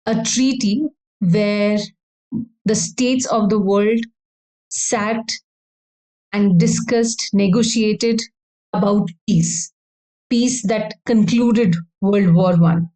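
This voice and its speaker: A woman's voice: on the high side, warm tone, poor audio. A woman with an Indian English accent giving an explanatory law lecture, often repeating and rephrasing her points. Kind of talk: educational lecture.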